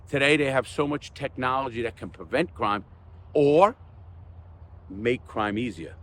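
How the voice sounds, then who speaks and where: Here an older man who runs a crime stories channel addresses viewers off the cuff, earnest and emphatic, restating points for stress in plain language. His voice sits at medium pitch with a fairly bright tone, and a little background noise is audible.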